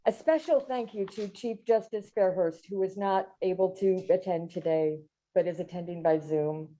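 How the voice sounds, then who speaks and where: A woman's voice: fairly low pitch, moderate pace, dark tone. A woman judge delivering a formal prepared speech of thanks. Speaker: newly sworn-in judge. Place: courtroom. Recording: dull, muffled sound.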